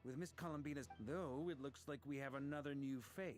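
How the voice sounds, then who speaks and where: Sly game ally , voiced by a man: mid voice, wry, relaxed, soft music under. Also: medium pitch, a little fast, natural voice. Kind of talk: game cutscene voice acting. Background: game soundtrack music.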